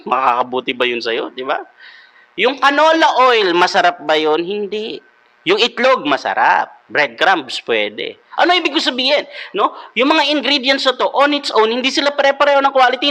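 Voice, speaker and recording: A man's voice: high-pitched, bright, forceful tone. A man hosting a comedic devotional talk, playfully quizzing his listeners and switching into English. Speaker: devotional host.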